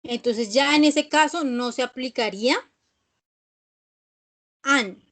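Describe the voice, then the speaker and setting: Woman teacher, higher-pitched, patient, explains step by step and checks in often. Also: slow, a bit bright. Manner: patient, repeats points with frequent "¿sí?" checks. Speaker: English teacher. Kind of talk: online class explanation.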